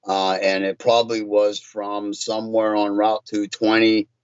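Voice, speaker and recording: A man from Virginia, a tint shop owner being interviewed on a podcast, talking in halting, restarting bursts as he tells stories. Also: on the low side, completely flat delivery, clean tone, no room sound, lo-fi sound. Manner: halting, restarts often, storytelling.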